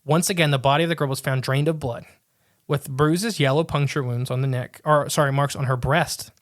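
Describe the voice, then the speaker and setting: This podcast co-host has a mid-range voice with fairly even intonation and a brisk delivery. He reads a strange tale aloud, adding casual asides, and frequently stumbles over words and starts again.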